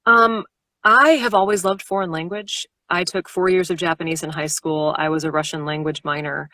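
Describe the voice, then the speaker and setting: A woman audiobook narrator chatting casually about her work on a live stream, animated and quick to laugh. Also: on the low side, no room sound. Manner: animated, laughs often, jumps into character voices.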